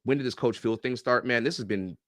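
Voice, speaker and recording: A man's voice: mid-range voice, fairly quick, no room sound, studio quality. A middle-aged man telling stories on a podcast in a casual, joking, profane way. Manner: animated, profane, joking storyteller. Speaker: guest, YouTube reactor and coach.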